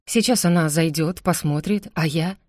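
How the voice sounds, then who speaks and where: Brief: female audiobook narrator, low voice, dry close sound, intense first-person reading. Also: normal speed, darkish tone, no echo.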